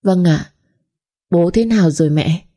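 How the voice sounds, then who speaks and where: A woman's voice: lowish voice, unhurried, dark tone. A woman voicing a young mother in detention who speaks tearfully and apologetically. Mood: tender.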